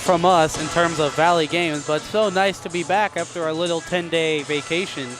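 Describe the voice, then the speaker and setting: Guy doing local hoops play-by-play, kinda high voice, casual, music in the background. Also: steady tone, moderate pace. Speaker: play-by-play basketball commentator. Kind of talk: live local sports commentary. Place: courtside in a school gym.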